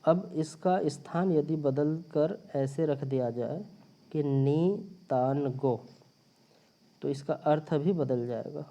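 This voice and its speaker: A man's voice: on the high side, takes it slowly, gravelly, dark tone, highs cut off. A man teaching a recorded grammar lesson, explaining step by step and repeating his points. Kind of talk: recorded linguistics lecture. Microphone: phone or screen recorder.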